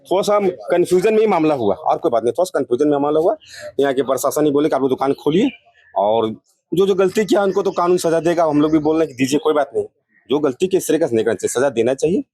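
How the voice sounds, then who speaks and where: A man from India with a fairly high, expressive voice talks quickly, his tone mellow with a breathy edge. As a local resident in a street interview, he states his opinion through earnest, repetitive, emphatic appeals.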